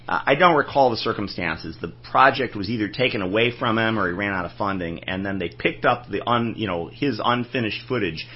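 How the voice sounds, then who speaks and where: A man's voice: low voice, husky, dull audio. A man telling anecdotes in a casual interview, rambling and restarting his sentences. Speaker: film collector guest.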